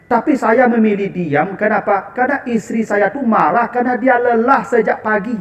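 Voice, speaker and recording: A preacher playing a calm, patient man. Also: high-pitched, normal speed, echoey room, voice pushed up, close to an everyday voice. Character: calm, patient man explaining his silence.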